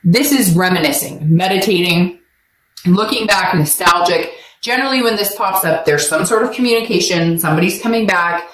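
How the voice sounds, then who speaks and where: A woman's voice: lowish voice, normal speed, fairly bright tone, roomy sound, slight background noise, rough recording. A woman giving a casual tarot reading, talking animatedly and acting out voices in quotes, with a sore throat. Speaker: tarot reader.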